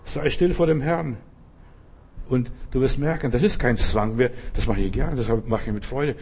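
A man's voice: medium pitch, normal speed, darkish tone, husky. A man preaching a sermon, emphatic and repetitive, speaking straight to the listener. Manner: emphatic, repeats phrases, addresses listener as du.

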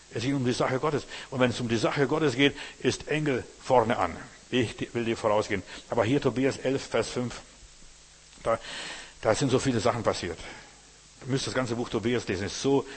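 A man's voice: mid-range voice, slightly rough. A man preaches in a loose, conversational way, drifting between Bible stories and his own anecdotes. He keeps checking in with his listeners, asking whether they follow him. His voice rings out with a long reverb, as in a large hall. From not from Berlin. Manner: rambling, keeps asking "verstehst du?". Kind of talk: informal sermon with Bible reading.

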